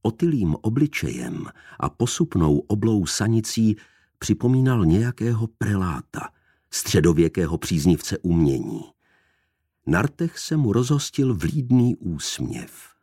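Male narrator, literary audiobook, deep voice, lively intonation, dry close mic. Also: creaky, slightly rough, dry recording.

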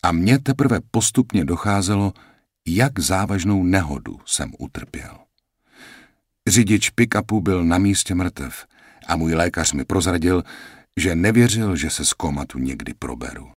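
A man with a very deep, husky voice reads a first-person audiobook. He narrates calmly and reflectively at a measured pace. The sound is dry and close. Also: no echo.

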